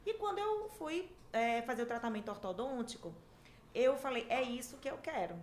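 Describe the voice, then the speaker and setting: A woman in her fifties from Manaus with an Amazonas accent, a dentistry professor telling her story as a podcast guest in a lively, chatty way. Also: a little high, moderate pace. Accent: Amazonas Brazilian Portuguese. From Manaus, Brazil. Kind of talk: casual interview chat. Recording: echoey room, faint background hiss.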